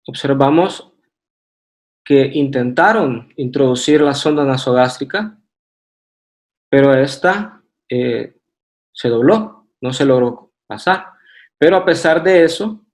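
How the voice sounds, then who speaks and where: A man with a Honduran Spanish accent presenting a radiology lecture from slides, methodical, with hesitant fillers and restarts. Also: on the high side.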